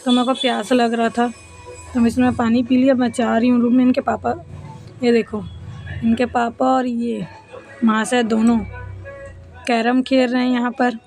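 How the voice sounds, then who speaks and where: A woman's voice: a little high, little pitch movement, normal speed, long pauses, a little mellow, faint music behind. A woman in her thirties narrating a casual home vlog, chatting with viewers as friends while she cooks and her family plays. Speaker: family vlogger.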